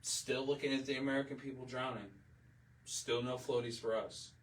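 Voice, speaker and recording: A man's voice: mid-range voice, flat delivery, moderate pace, recorded from a distance, rough recording. A man hosting a livestream, delivering a heated, emotional rant, repeating himself and swearing. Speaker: livestream host. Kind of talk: impassioned political livestream rant.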